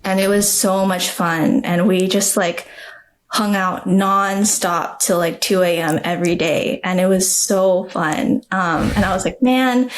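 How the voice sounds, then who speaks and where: A woman's voice: mid-range voice, slight background noise. A young adult woman, a children's book author, talking in a podcast interview in a chatty, reflective way with many fillers.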